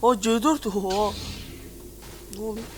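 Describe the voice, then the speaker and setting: A woman's voice: mid-range voice, unhurried, noisy background. Swearing woman narrating gameplay. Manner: swearing, muttering to herself, sudden yelps. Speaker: gamer. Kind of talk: casual gameplay commentary. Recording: game sounds loud behind the voice.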